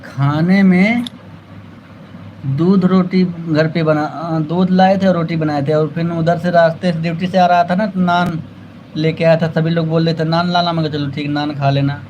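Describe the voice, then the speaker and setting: A man's voice: a little high, steady tone, moderate pace, a little mellow, dull audio, slight background noise. A man with an Awadhi accent hosting a casual live stream, chatting with viewers and thanking them by name.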